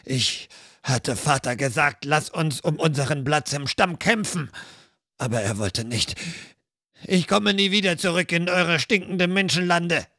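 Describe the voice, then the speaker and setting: A man's voice: fairly high pitch, animated, a little slow, pushed and bright, no echo, studio quality, exaggerated voice. A man voicing a bitter, resentful young male orc in a fan audiobook. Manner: grumbling, spiteful.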